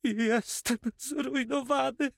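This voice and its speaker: A man's voice: extremely high pitch, animated, takes it slowly, gravelly, dry recording, studio quality, voice pushed up, full character voice. A man voicing a frightened, miserly notary who stammers in panic. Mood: sobbing. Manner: stutters in panic.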